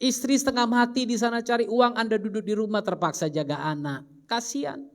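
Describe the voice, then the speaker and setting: A man as a pastor teaching a Bible study sermon in a lively, humorous way, acting out quotes. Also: very high voice, fairly quick.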